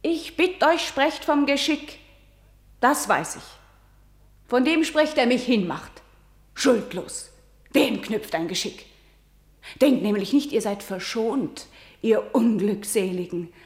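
An actress playing Antigone, a doomed young woman who is defiant and grieving, declaiming verse in a radio drama and swinging between loud cries and whispers. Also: a little high, lively intonation, slow pace, long pauses. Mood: accusing. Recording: roomy studio echo.

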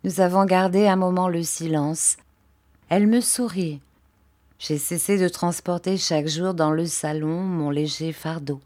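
A woman narrating an audiobook of a classic novel in a measured, mournful way. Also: lowish voice, steady tone, a little mellow. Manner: slow, measured and mournful reading. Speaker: audiobook reader.

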